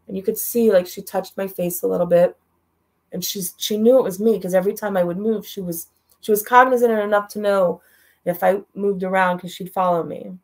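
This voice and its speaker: Middle-aged woman telling her story straight, direct and heartfelt, gravelly voice. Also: mid-range voice, darkish tone. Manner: direct, heartfelt, repeats phrases. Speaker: guest. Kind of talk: emotional storytelling.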